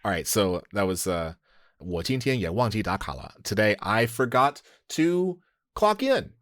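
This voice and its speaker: A man's voice: fairly low pitch, big pitch swings, moderate pace, a bit bright, dry recording, studio quality. A man hosting a language podcast, explaining slang step by step in a casual, laughing way. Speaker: podcast host teaching slang. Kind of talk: casual teaching chat.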